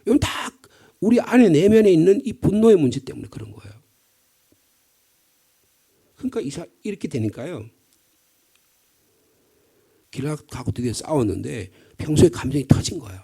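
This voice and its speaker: A man's voice: fairly high pitch, lively intonation, moderate pace, vocal fry, long pauses, dark tone, slightly rough. A middle-aged male pastor from the Gyeongsang region with a Gyeongsang accent, preaching an early-morning sermon in a conversational, storytelling way with rhetorical questions. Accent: Gyeongsang Korean. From Gyeongsang region, Korea.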